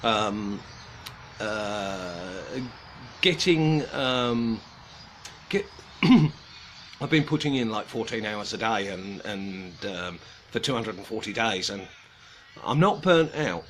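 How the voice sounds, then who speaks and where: Greeting viewers on a casual livestream, this carving group's host is an Australian man with a British accent whose lowish voice is expressive. He sounds subdued and hesitant, stopping often and starting over. Slight background noise is present.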